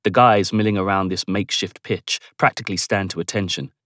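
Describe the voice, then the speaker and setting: A man's voice: deep voice, steady tone, a little fast, a bit bright, no echo, studio quality. A man narrating a first-person teen novel in a cocky, playful manner, voicing the other characters too. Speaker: audiobook narrator.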